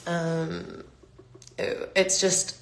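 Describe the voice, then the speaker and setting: Speaking very slowly in a lowish, level voice, a London-accented singer in her twenties fields fan questions casually on a phone livestream. She rambles, restarting often and using many fillers. The recording comes from an echoey room.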